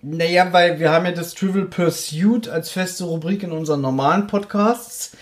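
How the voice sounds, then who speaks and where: A man's voice: sits high, normal speed. A young man co-hosting a podcast and playing a quiz in a small room, self-assured, pedantic and teasing. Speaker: podcast co-host, quiz contestant. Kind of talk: casual podcast chat. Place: small hot room at a desk mic.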